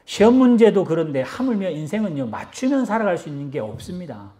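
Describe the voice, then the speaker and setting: A man preaching a sermon as pastor, animated, acting out quoted lines and often repeating words as he searches for them. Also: sits high, fast talker.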